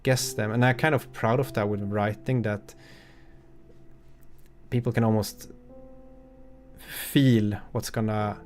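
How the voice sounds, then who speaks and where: A man, a game developer, giving relaxed, halting commentary on his own game with an amused tone. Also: on the low side, faint music behind.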